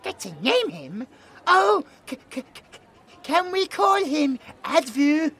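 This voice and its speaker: In an ASMR roleplay, a British man voices a childlike possessed young man who refers to himself in the third person using broken baby-talk. The voice is very high, sing-song, slow, pushed and bright, exaggerated, with an excited, childlike mood.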